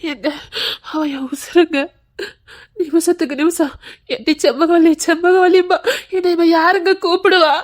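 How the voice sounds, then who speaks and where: A middle-aged woman sobs and wails in exaggerated grief, played by a woman in a comic skit. She has a Tirunelveli Tamil accent and a very high voice. Her crying lament is melodramatic and theatrical. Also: fairly even intonation, moderate pace. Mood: wailing. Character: middle-aged woman wailing over her departing friend.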